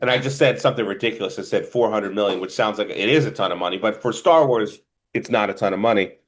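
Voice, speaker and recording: Lower-voiced rambling man with a Jersey accent. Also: fast talker. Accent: New Jersey. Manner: rambling, stop-and-start delivery. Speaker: podcast co-host. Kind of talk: casual film review chat.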